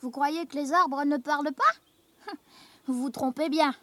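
A woman's voice: high voice, takes it slowly, sharp tone, no room sound, full character voice. A woman playing a stubborn orphan boy who lives alone in a tree, in a radio drama, earnest and defiant. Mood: teasing.

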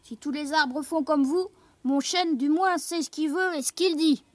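A woman's voice: high voice, measured pace, dry recording. A woman playing a stubborn orphan boy who lives alone in a tree, in a radio drama, earnest and defiant.

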